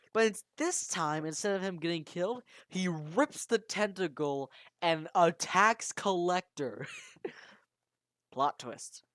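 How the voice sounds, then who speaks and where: An amateur storyteller recounts a fan-made horror tale with dramatic, animated delivery and keeps restarting sentences. The voice sits at a middling pitch and sounds dry and close, with no room around it. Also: no echo.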